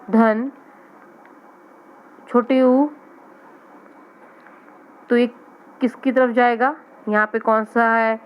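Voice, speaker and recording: A woman teaching young children to read, slowly sounding out each letter and word. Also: a little high, smooth, low-quality recording. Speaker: primary school teacher. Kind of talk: children's reading lesson.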